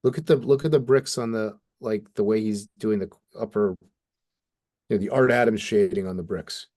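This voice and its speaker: Speaking casually as a podcast co-host, a man with a mid-pitched voice discusses comics in detail like an animated, enthusiastic fan, dropping some mild swearing. He talks at a moderate pace.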